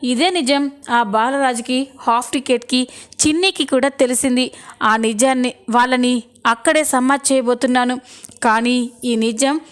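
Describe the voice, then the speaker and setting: A woman voicing a scheming male villain who turns harsh and threatening, read in her own high voice in a storybook retelling. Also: fairly even intonation, a little slow. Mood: menacing.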